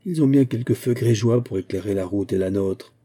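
A man voicing a cool, haughty, aging bishop and former musketeer who gives calm orders in an audiobook. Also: lowish voice, brisk, close to an everyday voice. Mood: calm commanding. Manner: calm, haughty, sure of command.

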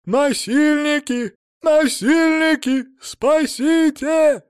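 A man's voice: big pitch swings, moderate pace, warm tone, dry recording, studio quality. A man voicing a panicky, squealing middle-aged woman held captive, who shrieks and chatters. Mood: hysterical. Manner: shrill, squealing, tearful, chattering.

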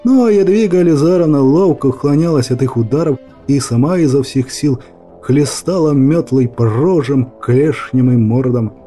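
Casting: male audiobook narrator, very dark mellow tone, dramatic delivery, faint music under. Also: medium pitch, moderate pace. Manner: dramatic, expressive storytelling. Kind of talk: scripted fairy-tale narration.

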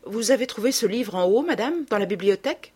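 An excitable young male sleuth, as a woman reader puts him on, urgent and pressing, his pitch leaping high when he is upset. The voice is slightly breathy, with a wide, lively melody. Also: fairly quick.

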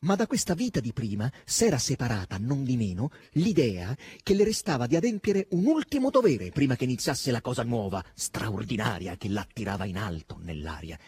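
Male audiobook reader, very husky voice, lively expressive pitch, dramatic delivery. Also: brisk, few pauses, dry recording. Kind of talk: scripted narration.

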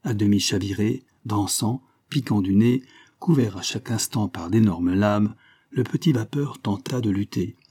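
A man narrating an adventure novel in a steady, even storytelling way. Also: fairly low pitch, normal speed, husky. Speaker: audiobook narrator.

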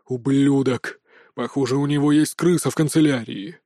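A man voicing a hot-tempered, arrogant male governor who blusters and shouts in an audiobook. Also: mid-range voice, fairly even intonation, moderate pace, no room sound, studio quality, pitched below the performer's own voice, natural voice. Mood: angry.

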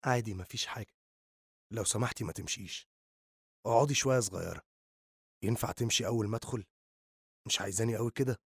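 A man doing a quiet, teasing Egyptian teenage boy. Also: lowish voice, fast, vocal fry, long pauses, slightly rough, no echo, studio quality, pitched below the performer's own voice. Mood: gentle teasing. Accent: Egyptian Arabic. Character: teenage boy, joking smoker. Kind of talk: audiobook reading.

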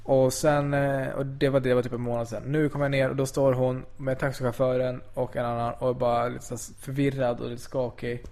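Gravelly-voiced man telling a story. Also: medium pitch, hardly any pauses. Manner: animated storyteller, quotes people with "jag bara". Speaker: podcast co-host. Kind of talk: casual chat, anecdote telling.

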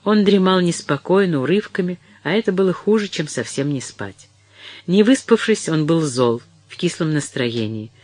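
A man's voice: on the high side, lively intonation, darkish tone, dry recording. Man narrating an audiobook, dry and close. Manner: measured, dramatic reading. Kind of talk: scripted narration.

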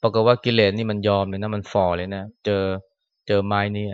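A man's voice: fairly low pitch, flat delivery, brisk, clear, resonant tone. Male monk preaching informally in a temple hall; dry, muffled recording. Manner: conversational, ends phrases with a soft particle, acts out scolding quotes. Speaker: Buddhist monk giving a Dhamma talk. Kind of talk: sermon. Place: temple hall after chanting.

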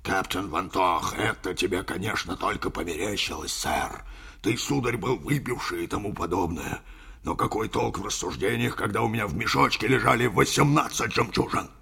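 A man's voice: lowish voice, moderate pace, vocal fry, pushed and bright, slightly rough, full character voice. A man voicing an older, sentimental sea captain who rambles through a yarn in an audiobook. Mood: excited. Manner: rambling folksy storytelling, addresses listener as brother. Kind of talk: audiobook character reading.

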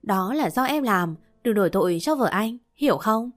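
A woman voicing a firm, protective young husband who speaks bluntly, in a storybook reading with soft music behind. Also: medium pitch, expressive, moderate pace, natural voice.

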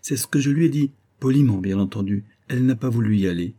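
A man's voice: mid-range voice, fast talker, dark tone, lightly acted. A man voicing a dutiful manservant who explains himself deferentially, in an audiobook reading. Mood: apologetic. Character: dutiful male servant, fussy and apologetic.

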